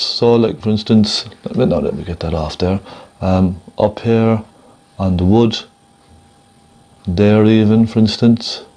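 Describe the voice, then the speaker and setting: A man giving a casual step-by-step painting demonstration as a gentle, encouraging instructor, thinking aloud in an unhurried way as he works. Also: fairly low pitch, muffled recording.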